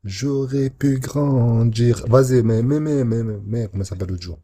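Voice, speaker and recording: A man's voice: fairly low pitch, lively intonation, quick pace, mellow. A man chatting casually on a livestream, laid-back, chiming in and explaining things. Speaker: co-host on a livestream.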